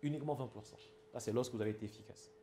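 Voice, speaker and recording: A man's voice: mid-range voice, rapid-fire, mellow, echoey room, a little hiss or hum. A man with a Cameroonian French accent giving an emphatic speaking lesson and often checking that his listeners follow. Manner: emphatic, asks the audience if it is clear. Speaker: public speaking trainer. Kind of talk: instructional talk.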